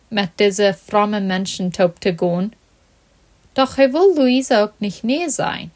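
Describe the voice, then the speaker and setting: Slow woman reading a story aloud. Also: medium pitch.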